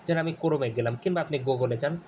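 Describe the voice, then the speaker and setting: A man from Bangladesh guiding viewers step by step through a phone screen, talking in a halting way with many restarts and repeated phrases. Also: mid-range voice, darkish tone, slight background noise, rough recording. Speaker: Arabic course instructor. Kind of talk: screen-share tutorial walkthrough.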